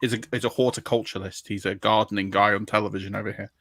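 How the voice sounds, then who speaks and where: A man's voice: on the low side, little pitch movement, very fast, crowd noise. A man with an English accent, co-hosting a football podcast in casual, rambling chat. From England. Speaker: podcast co-host.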